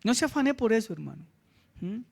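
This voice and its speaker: High-voiced Colombian preacher. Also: male voice, big pitch swings, gravelly. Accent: Colombian Spanish. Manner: asks the congregation short checks like "¿cierto?" and "¿sí?"; slows down for quoted scripture. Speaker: pastor. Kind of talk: sermon.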